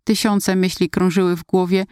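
A woman narrating a first-person story in a steady, inward-looking retelling. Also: fairly low pitch, normal speed, clean tone, no echo, clean studio sound.

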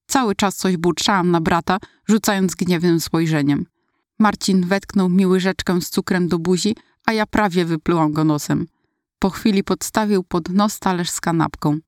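A woman reading her own childhood story aloud, in steady, even narration. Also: lowish voice, no room sound, clean studio sound. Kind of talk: read-aloud personal story.

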